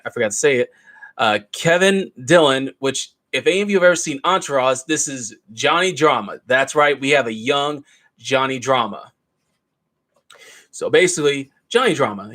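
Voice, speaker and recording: A man's voice: medium pitch, fairly bright tone. A man giving a casual, rambling film review, retelling the plot loosely with plenty of asides. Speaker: movie reviewer.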